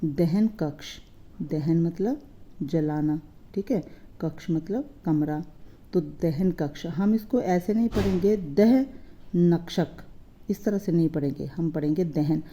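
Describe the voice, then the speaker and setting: A woman's voice: on the low side, mellow, slight background noise. Patient woman teaching Hindi words. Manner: patient, repeats words slowly, asks and answers own questions. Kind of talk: explanatory lesson.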